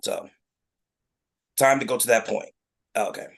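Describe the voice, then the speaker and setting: A man co-hosting a casual podcast chat, explaining his view earnestly with many halting restarts. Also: medium pitch, steady tone. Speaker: podcast co-host.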